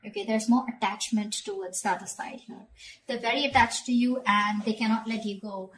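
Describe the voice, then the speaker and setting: A woman does a conversational tarot reading directly to the viewer, often repeating phrases and checking in with short tag questions. Her mid-range voice moves fairly quickly, and the rough recording has slight background noise.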